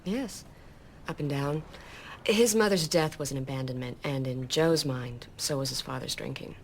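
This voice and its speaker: An actress playing a self-assured woman child therapist who talks down in a measured, patronizing way. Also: rumbling low, a little hiss or hum. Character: condescending woman psychologist, smooth and self-assured.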